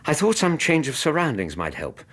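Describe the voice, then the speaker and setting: An English actor playing a loyal, caring doctor in a radio drama, measured and gentle in narration and dialogue. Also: male voice, a little high, huge pitch swings, husky, exaggerated voice. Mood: grave, reflective.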